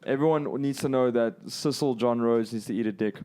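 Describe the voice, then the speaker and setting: A man from South Africa with a South African accent, chatting as a podcast guest in a brash, profane, excitable way. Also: mid-range voice, a little fast, smooth. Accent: South African, with American slang. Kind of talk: casual chat.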